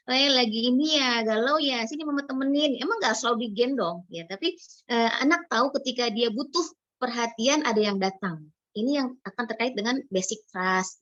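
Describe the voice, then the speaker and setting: A woman's voice: fairly high pitch, fairly bright tone, no echo. A woman psychologist explaining child development in an online talk, acting out parents and children in little quoted lines. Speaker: psychologist speaker. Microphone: video call. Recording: dull lo-fi video call audio.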